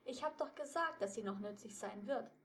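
A woman's voice: on the high side, expressive, fairly quick, a little hiss or hum, close to an everyday voice. A woman voicing a sensible, observant teenage boy detective who speaks plainly. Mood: calm, defensive.

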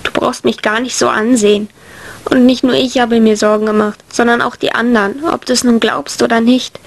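A woman voicing a worried, exasperated visitor in a whispered role-play audio story, speaking softly and pleadingly. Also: a little high, steady tone, brisk, gravelly. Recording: faint hiss.

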